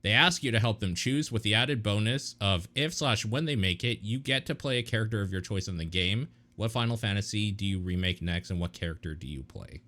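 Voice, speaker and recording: A man with a fairly low voice that swings up and down a lot, reading listener questions on a casual podcast. He jokes around, laughs often and drops the odd swear word. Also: lively intonation, a little fast, few pauses, pushed and bright.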